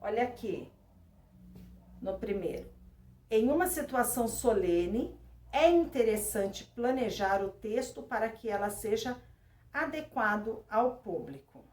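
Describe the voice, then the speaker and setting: A woman's voice: on the high side, darkish tone. Woman teacher, roomy and distant. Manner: explains patiently, often checking in with tag questions. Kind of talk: remote class lesson reading from a textbook. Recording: roomy sound, voice away from the mic.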